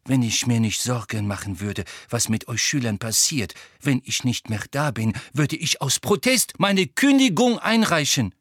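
A male audiobook narrator voicing a brisk middle-aged female school nurse, sharp and scolding. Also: medium pitch, animated, slightly rough, no room sound, clean studio sound. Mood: indignant. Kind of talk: audiobook character voice.

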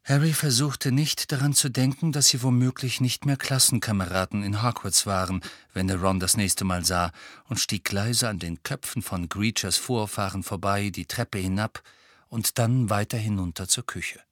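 A man narrating an audiobook in a clear, expressive storytelling voice, in a studio. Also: lowish voice, moderate pace, no echo. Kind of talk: audiobook reading.

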